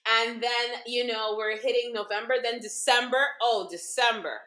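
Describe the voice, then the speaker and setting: A woman in her thirties, originally from Guyana and partly raised in the United States, co-hosts a cooking show and chats warmly with her mother while seated on a living-room sofa. Her voice sits on the high side with a steady tone, moderate pace, and a pushed, bright quality, and she repeats phrases for emphasis. The room's echo is noticeable.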